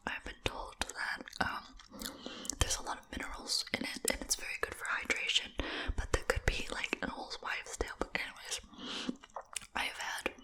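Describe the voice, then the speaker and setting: A woman from Japan whispering a casual, rambling ASMR chat while chewing gum. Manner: rambling, giggly asides. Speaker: host of a rambling ASMR video.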